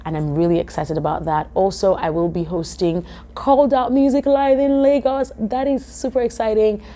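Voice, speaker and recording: A young woman, chatting to camera in a vlog, animated and full of "um"s, from her office. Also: medium pitch, normal speed. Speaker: vlogger. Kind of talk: casual talk to camera.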